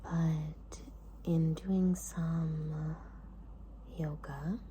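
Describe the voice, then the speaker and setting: A woman hosting ASMR in a soft, hushed whisper, speaking in short unhurried phrases with pauses between them. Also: low voice, flat delivery, a little hiss or hum. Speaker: ASMR host.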